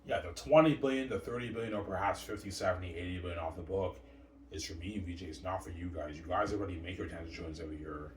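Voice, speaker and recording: Man, very low voice, rambling repetitive monologue, distant mic, faint background hiss. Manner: repetitive, keeps saying "obviously" and "man". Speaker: vlogger. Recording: echoey room, distant mic, faint noise.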